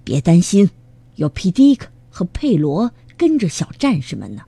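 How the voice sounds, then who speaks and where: A woman voicing a calm, sensible mother hen in a storybook, soothing and reassuring. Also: lowish voice, normal speed, gravelly, breathy edge, dry recording, full character voice.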